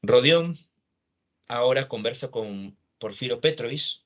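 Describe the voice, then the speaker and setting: A man's voice: medium pitch, lively intonation, unhurried, fairly bright tone, lo-fi sound. A man teaching literature, retelling a novel's plot and quoting the characters' lines, often adding a questioning tag.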